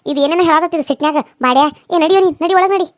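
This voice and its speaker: A woman voicing a bossy elder sister in a cartoon serial, curt and hushing. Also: extremely high pitch, rapid-fire, dry recording, studio quality.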